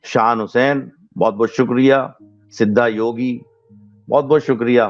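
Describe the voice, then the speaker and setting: A male podcast host in a casual chat, thanking listeners by name in a relaxed, chatty way and slipping into English thank-yous. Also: mid-range voice. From Pakistan. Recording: dull lo-fi recording with faint music.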